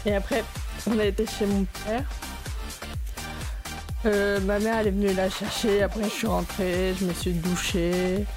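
A woman's voice: medium pitch, level tone, normal speed, pauses often, music in the background. A young woman on a casual radio chat, rambling through her day with many hesitations.

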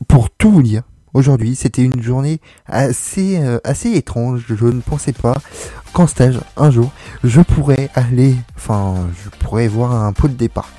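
A man's voice: mid-range voice, a little slow, mellow, soft background music. A young man hosting a casual radio chat, joking and laughing often as he talks. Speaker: radio show host.

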